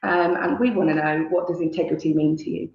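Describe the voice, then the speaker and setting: A woman hosting a playful quick-fire interview, laughing often and keeping an upbeat manner. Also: fairly low pitch, fairly even intonation, creaky, echoey room, lo-fi sound. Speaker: interview host.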